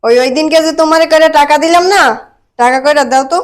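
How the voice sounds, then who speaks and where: A woman's voice: high-pitched, fast, close to an everyday voice. An actress playing a scolding mother-in-law who demands money from her daughter-in-law. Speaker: actor in a village comedy skit. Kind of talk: skit acting.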